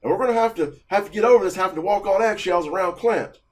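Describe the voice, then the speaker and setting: A man's voice: high voice, fast talker, recorded from a distance, pitched above the performer's own voice, close to an everyday voice. A man putting on a stammering, angry senior manager. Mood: scolding. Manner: stammering, exasperated.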